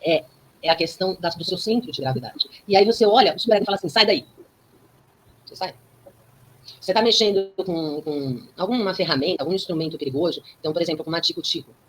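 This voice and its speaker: A woman's voice: on the low side, fast talker, husky, poor audio. A woman speaking as a guest on a talk program. She explains ideas in a teaching way, uses everyday examples and often checks in with tag questions. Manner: didactic, with frequent tag questions.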